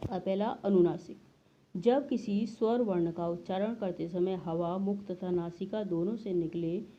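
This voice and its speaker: Slow, deliberate Hindi grammar teacher, woman. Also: fairly low pitch, warm tone, slight background noise. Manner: slow, deliberate explanation, drawing out example sounds. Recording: slightly dull lo-fi recording.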